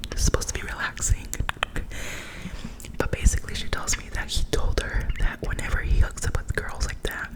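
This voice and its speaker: A young woman whispering a chatty, gossipy ASMR storytime in casual slang, with animated and dramatic retelling. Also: poor audio.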